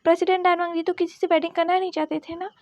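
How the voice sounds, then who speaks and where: A woman voicing pushy news reporters who fire rapid, insistent questions in a read-aloud story. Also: very high voice, little pitch movement, darkish tone, muffled recording.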